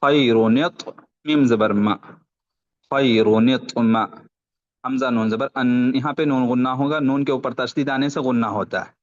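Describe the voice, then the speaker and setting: The sound is dull, and the man's mid-range voice stays fairly even in intonation. Teaching Quran reading online, he slowly works through letters and vowel marks one syllable at a time and briefly explains the rules as he goes.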